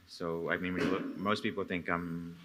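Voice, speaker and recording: A man's voice: low-pitched, level tone, moderate pace, a bit bright. A man with a Samoan accent speaking casually on a panel as a food content creator.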